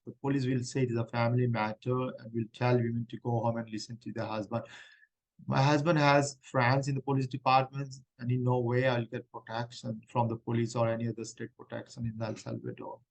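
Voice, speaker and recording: A man playing a middle-aged woman refugee claimant in a mock hearing role-play, answering haltingly with many restarts. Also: mid-range voice, close to an everyday voice, poor audio.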